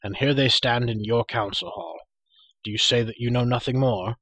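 A man reading a defiant captive lord in an audiobook, scornful and commanding, his low voice bright and forceful. The recording is close and dry. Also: little pitch movement, normal speed, dry recording.

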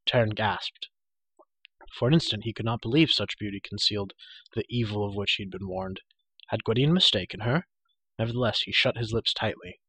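A man narrating a fantasy audiobook in a steady, dramatic storytelling manner with occasional slips. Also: on the low side, a little fast, breathy edge, no echo. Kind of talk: audiobook reading.

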